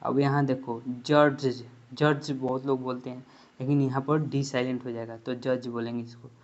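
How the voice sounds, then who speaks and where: A man's voice: mid-range voice, little pitch movement, normal speed. A man with a Hindi accent giving a spoken English pronunciation lesson, explaining step by step and repeating example words. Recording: dull lo-fi recording.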